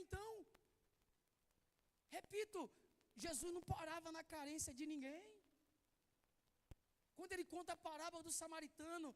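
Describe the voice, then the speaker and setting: A man preaching with a very high, quick voice, agitated and animated. He keeps throwing questions at his congregation and pushing for replies. He rushes from one point to the next. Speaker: pastor. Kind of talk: sermon.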